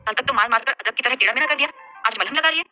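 A woman's voice: high voice, racing, bright, forceful tone, soft background music. A woman voicing a blunt, grumbling young man, the hero's friend, in a read-aloud story.

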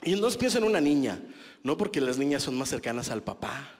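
A Mexican man in his thirties performs stand-up on a small club stage, talking into a handheld mic in a conversational, self-mocking style laced with crude slang. His medium-pitched voice swings widely and moves a little fast, with a big-room sound.

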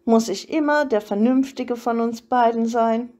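A calm, tender young male vampire from a storybook audiobook, voiced by a woman reader. He talks gently and slowly, in a slightly high voice. The delivery stays soft and even. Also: lightly acted. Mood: gentle.

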